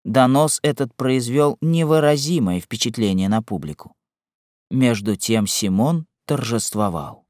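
A man's voice: mid-range voice, no room sound, clean studio sound. A man giving a scripted narration of a classic novel as an audiobook narrator. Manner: expressive, unhurried.

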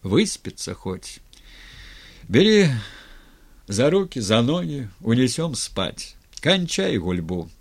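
A man's voice: medium pitch, big pitch swings, slow pace, pauses often, exaggerated voice. A man voicing a practical cossack comrade who gives plain commands. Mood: commanding.

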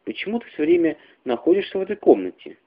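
A man's voice: high voice, sing-song, fast talker, slightly rough, pitched above the performer's own voice, heavily acted. A man reading a gloomy, suspicious young man. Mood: brooding. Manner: brooding, moody. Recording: tinny phone-like radio recording.

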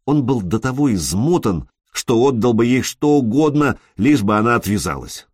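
Expressive male audiobook narrator. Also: mid-range voice, breathy edge, no room sound, studio quality. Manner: expressive, measured, dramatic pauses.

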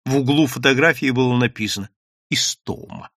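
A man reading an audiobook story aloud in an expressive, dramatic way. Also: mid-range voice, moderate pace, dry recording, clean studio sound. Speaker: audiobook reader.

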